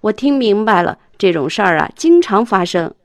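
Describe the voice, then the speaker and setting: A woman's voice: mid-range voice, lively intonation, moderate pace, no room sound, lightly acted. A woman doing a kindly, folksy bus driver. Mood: friendly. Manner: friendly, reassuring, folksy. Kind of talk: children's storybook reading.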